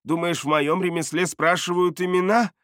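A man's voice: high voice, fairly even intonation, normal speed, fairly bright tone, dry recording, studio quality, voice pushed up. A man voicing a jittery, shifty male dealer who whines and pleads in a raised voice. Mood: pleading.

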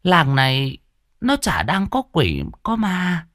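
A man voicing a superstitious old grandmother who speaks slowly and ominously for an audio ghost story. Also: on the high side, wildly swooping pitch, fairly bright tone, no echo, studio quality, voice pushed up, exaggerated voice. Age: older. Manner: slow, knowing, ominous talk.

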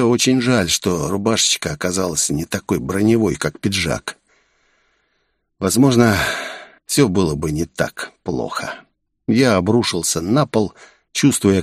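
A man's voice: low-pitched, slightly rough, no echo, studio quality. A man narrating a fantasy audiobook in the first person with a wry manner.

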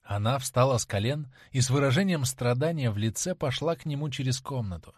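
A male audiobook narrator with a mid-range voice who reads in a measured, even way and sinks low and quiet at each speech tag. The recording is dry and close, with no room sound. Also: dry recording.

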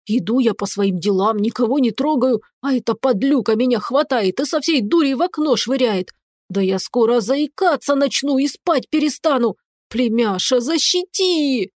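A woman's voice: a little high, lively intonation, darkish tone, no room sound, clean studio sound. Woman doing a whiny hysterical male cat. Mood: wailing. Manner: wailing, pleading, drawn-out. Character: hysterical talking tomcat uncle, whiny.

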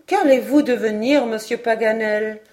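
A woman voicing a gracious Scottish lady who speaks in a soft, engaging, persuasive way. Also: on the high side, unhurried, pitched above the performer's own voice, natural voice.

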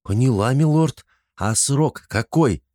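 A man's voice: medium pitch, expressive, takes it slowly, darkish tone, dry recording, clean studio sound, voice pushed up. Man voicing a naive young red-haired squire girl. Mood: eager. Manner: earnest, bewildered, literal-minded.

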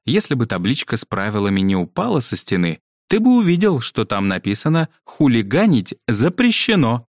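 A man's voice: medium pitch, huge pitch swings, moderate pace, few pauses, no room sound, voice pushed up. A man voicing a strict, dry-witted woman teacher who questions two pupils in a clipped, stern manner, read out in a storybook.

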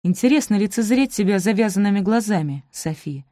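A woman voicing a hurt young gentleman, speaking low, quiet and cold, and breaking into angry shouts. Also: expressive, brisk, no room sound, studio quality, natural voice.

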